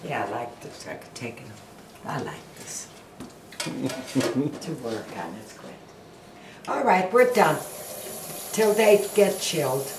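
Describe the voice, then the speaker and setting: An older woman talks her way through baking cookies in a homey, chatty way. Her voice moves up and down a lot. She sounds distant in an echoey kitchen, with loud clatter of dishes and pans around her. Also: rumbling low, animated, slow, pauses often, noisy background. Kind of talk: casual kitchen chat. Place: home kitchen.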